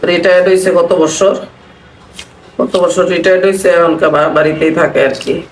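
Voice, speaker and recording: At a moderate pace and with fairly even intonation, a woman with a fairly low voice reminisces mournfully and repetitively while cooking. She's a vlogger from Bangladesh, recorded at a distance in a roomy setting with a little background noise.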